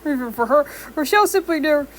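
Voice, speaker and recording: A woman's voice: high voice, expressive, quick pace, a little hiss or hum. A young woman with a sore throat reading a fan-fiction story aloud, often stumbling and correcting herself. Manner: stumbling, rereads and corrects words.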